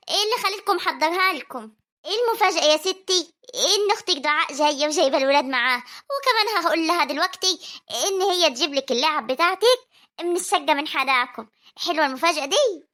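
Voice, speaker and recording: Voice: high voice, bright, forceful tone. Voice actor as a cheerful Egyptian village aunt. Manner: cheerful, teasing, coaxing. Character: playful doting village aunt. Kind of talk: homemade family drama voice acting.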